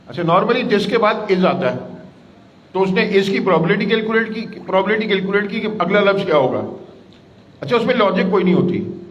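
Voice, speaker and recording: A man's voice: sits high, dull audio. A man teaching a class, explaining simply with everyday examples and quizzing his students. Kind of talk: classroom lecture.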